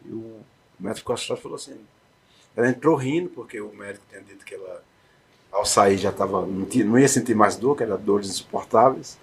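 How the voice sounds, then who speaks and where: A man as an interview guest, telling an emotional personal story in a heartfelt way, sometimes hushed, sometimes loud and encouraging. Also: lowish voice, fast talker, breathy edge.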